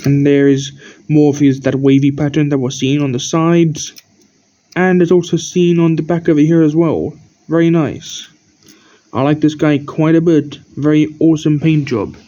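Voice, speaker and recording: Sleepy guy rambling about his toy cars, kinda high mellow voice, dull lo-fi mic. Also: level tone. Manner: rambling, halting, pointing out details one by one. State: tired, yawning often. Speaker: toy collector showing his collection. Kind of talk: casual show-and-tell narration. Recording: dull lo-fi recording.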